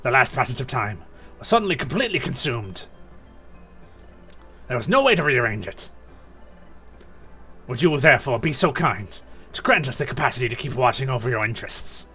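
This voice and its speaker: A man's voice: mid-range voice, big pitch swings, normal speed, pauses often, sharp tone, faint music behind. A man voicing a grave, groveling male ghost servant from a video game who pleads with his master in formal words. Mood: pleading.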